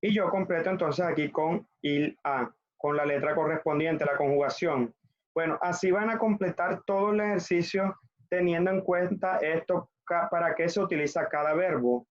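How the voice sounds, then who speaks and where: A man with a Colombian Spanish accent teaches a French class over video, patiently drilling conjugations for his students to repeat. His voice sits on the high side at a normal speed, and the recording is muffled.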